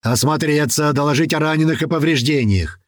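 A man's voice: on the high side, a little fast, no room sound, clean studio sound, lightly acted. A man playing a barking squad commander. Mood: barking orders. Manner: barking orders. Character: tough gruff male squad commander.

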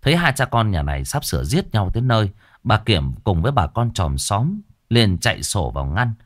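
A man narrates a horror story in a low voice with lively swings of pitch. His storytelling is dramatic, and the recording is dry and close. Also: normal speed, dry recording.

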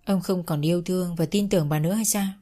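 A woman's voice: lowish voice, steady tone, fast, warm tone. A woman telling a family drama story in the first person as scripted narration.

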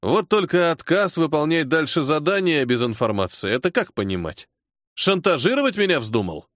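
A weary, irritable colonel who grumbles and needles his defiant subordinate, performed by a male audiobook reader. His voice is gruff and sarcastic. The sound is dry and close, with no room. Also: fairly high pitch, very animated, normal speed, fairly bright tone, dry recording. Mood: irritated. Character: weary irritable older male colonel, security service chief.

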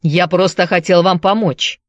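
A woman's voice: on the low side, fairly even intonation, a little slow, no echo, clean studio sound, close to an everyday voice. A woman reading as a curt young tavern keeper. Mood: defensive.

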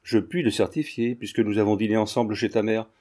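A man's voice: fairly low pitch, fairly even intonation, quick pace, warm tone, natural voice. A man voicing an earnest young man who speaks defensively, in a storybook reading.

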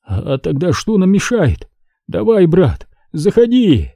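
A man's voice: sits high, wildly swooping pitch, unhurried, gravelly, mellow, no room sound, clean studio sound, pitched above the performer's own voice, heavily acted. A man voicing an eerie, friendly dead brother who talks in a coaxing, lazily smiling way.

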